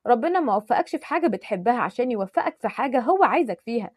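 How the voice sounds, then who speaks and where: A woman voicing a stubborn, sharp-tongued young woman with an Egyptian accent in a told story. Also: on the high side, animated, very fast, slightly rough, no room sound, studio quality. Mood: earnest. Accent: Egyptian Arabic. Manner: sharp, indignant.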